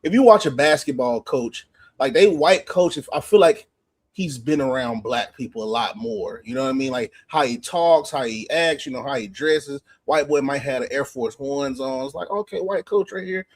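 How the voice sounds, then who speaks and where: A man's voice: medium pitch, normal speed. A man co-hosting a casual sports podcast, bantering about football with jokes and laughter. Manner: joking, laughing, profane banter. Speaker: podcast co-host, former juco football player.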